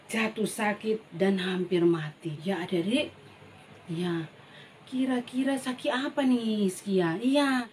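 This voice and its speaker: A woman with a Manado Malay accent teaching a children's Bible lesson as a Sunday school teacher, animated and often turning to the children. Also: medium pitch, slight background noise.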